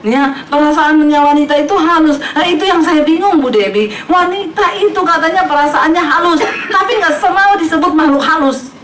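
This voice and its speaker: High-voiced woman preaching in an echoey hall. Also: normal speed, hardly any pauses, a bit bright. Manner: playful, acts out congregants' voices, laughs often. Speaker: pastor. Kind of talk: humorous sermon with storytelling. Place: church hall with congregation. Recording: echoey hall from far off, crowd noise.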